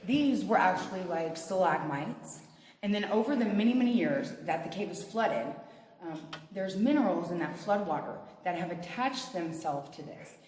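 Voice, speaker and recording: A woman's voice: lowish voice, lively intonation, normal speed, a little mellow. A woman working as a cave tour guide, talking informally and in a folksy way to her group as she shows them around. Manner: chatty, folksy, addresses group as "you guys". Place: inside a large underground cave. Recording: echoing cave with long reverb, faint noise.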